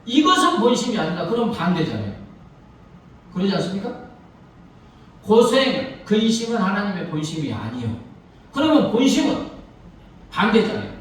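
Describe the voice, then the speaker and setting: Lively high-voiced pastor in echoey church. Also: male voice, moderate pace, pauses often. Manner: storytelling, rhetorical questions to the congregation. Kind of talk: sermon. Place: church sanctuary. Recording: echoey hall, mic from far off.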